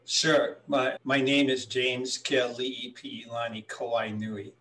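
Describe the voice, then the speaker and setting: A man in his sixties from Hawaii tells his life story as an interview guest, reflective and unhurried. His voice is of middling pitch. He sits somewhat far from the mic, with faint noise underneath. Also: flat delivery, a bit bright. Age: 60s. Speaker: guest healer.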